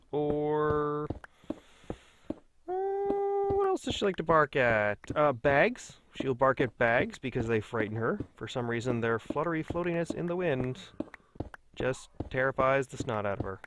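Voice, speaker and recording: A man's voice: mid-range voice, very animated, normal speed, noisy background. A man hosting a Let's Play, chatting casually and mocking himself as he plays. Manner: chatty, self-mocking, talks to himself while playing. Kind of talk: casual gameplay commentary.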